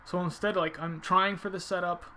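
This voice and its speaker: A man's voice: high voice, steady tone, moderate pace, bright, forceful tone, a little hiss or hum. A man giving casual video game commentary, thinking aloud informally as he explains his technique.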